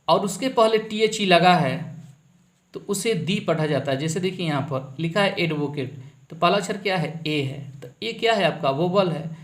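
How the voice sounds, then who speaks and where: A man's voice: high-pitched, reverberant. A man teaching an English grammar lesson, asking a question and then answering it himself, often repeating the key words.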